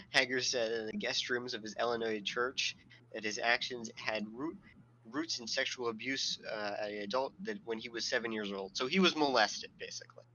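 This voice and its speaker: Bright, sardonic man reading quotes aloud. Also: medium pitch, lo-fi sound, a little hiss or hum. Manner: reads quotes aloud, laughing often. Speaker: podcast co-host. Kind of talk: casual podcast chat.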